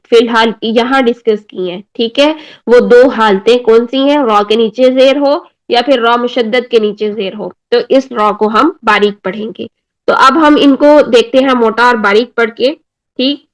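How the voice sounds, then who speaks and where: A woman with a Pakistani Urdu accent teaching an online recitation lesson, patiently explaining step by step and slowly demonstrating drawn-out recited words. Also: fairly high pitch, low-quality recording.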